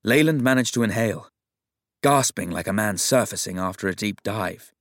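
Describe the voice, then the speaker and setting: A man reading a novel aloud as narrator in a measured, even storytelling manner. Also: on the low side, no echo, clean studio sound. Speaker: audiobook narrator. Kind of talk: scripted narration.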